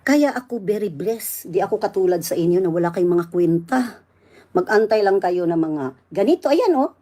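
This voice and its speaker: Isang babaeng Bisaya na may punto ng Visayas, malakas at galit na nagra-rant sa livestream habang nagbebenta online, halo-halong Ingles ang salita. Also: female voice, medium pitch, expressive, normal speed. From Visayas, Philippines. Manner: loud indignant ranting, mixing English in.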